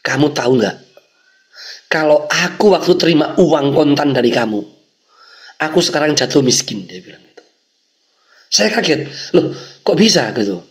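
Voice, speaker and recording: A man's voice: fairly high pitch, animated, moderate pace, long pauses. A middle-aged male pastor telling a personal testimony in a sermon, storytelling and speaking to the congregation. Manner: storytelling, addresses congregation, frequent fillers.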